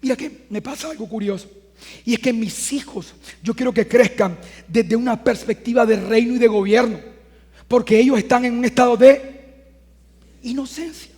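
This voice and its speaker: High-voiced guy in his 30s preaching, chatty then loud and punchy, lots of hall echo. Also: normal speed. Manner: conversational preaching that swells into loud emphatic passages. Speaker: pastor. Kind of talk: sermon.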